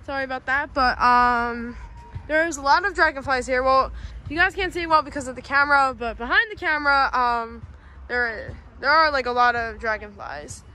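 A woman's voice: sits high, normal speed. A young woman chatting casually to viewers in a rambling, exclamatory way, often repeating herself, recorded on a handheld phone. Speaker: vlogger. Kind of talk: casual vlog chat to viewers. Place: outdoors by a backyard pool and on a street. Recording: outdoor phone recording with lively group background.

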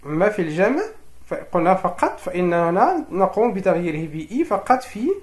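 A man with a somewhat high voice walks through French verb conjugations, explaining each rule step by step and reading the forms out slowly. The recording has noticeable room echo. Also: very animated. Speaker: French teacher. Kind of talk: explaining French grammar lesson.

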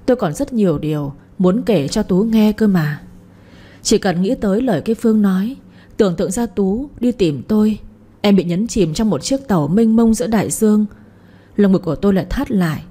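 Sex: woman. Role: storyteller. Style: emotional first-person audiobook narration. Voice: mellow, husky. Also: medium pitch, expressive, normal speed. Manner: heartfelt, sorrowful delivery.

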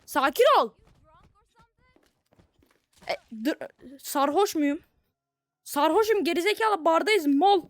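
A young woman from Turkey giving casual, playful commentary on a virtual reality game, taunting the characters in mock-friendly tones with sudden bursts of shouting. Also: very high voice, takes it slowly, pauses often, no room sound. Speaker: gaming streamer.

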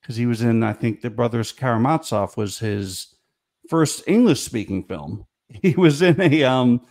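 A middle-aged comedy writer, appearing as a guest on a video call from a small room at home, tells stories in casual chat, laughing often and restarting his sentences. He uses a studio mic, and his medium-pitched voice is expressive, unhurried and slightly mellow.

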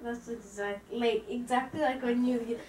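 High female voice in an echoey room. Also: fairly even intonation, a little slow, distant mic, background noise. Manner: chatty, keeps score, restarts sentences. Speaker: contestant in a food guessing game. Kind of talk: casual chat.

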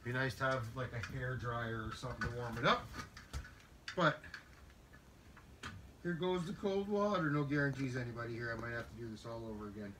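Man in his 50s, DIY work-along chatter, loud shop noise under the voice. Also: mid-range voice, lively intonation, fairly quick, pauses often. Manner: chatty, mutters to himself while working. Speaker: DIY sled restorer. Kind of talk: casual work-along narration. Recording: loud workshop noise behind voice.

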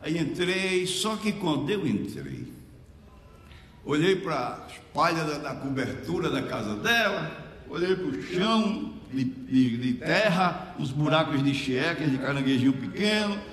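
A male preacher telling a story in a sermon, animated and emotional, in a church hall. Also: fairly high pitch, a little slow. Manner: animated, rises into emotional emphasis. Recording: echoey hall, faint background noise.

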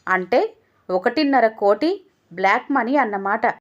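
A woman's voice: on the high side, expressive, measured pace, muffled recording. A woman voicing a stern male tax officer who speaks in an angry, threatening way.

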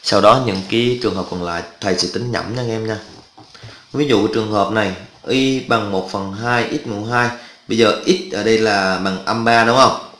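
A man's voice: fairly low pitch, steady tone, moderate pace, a bit bright. A man teaching a math lesson in a casual, chatty way, often stopping to ask students whether they follow. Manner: chatty, asks students checking questions often. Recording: echoey room.

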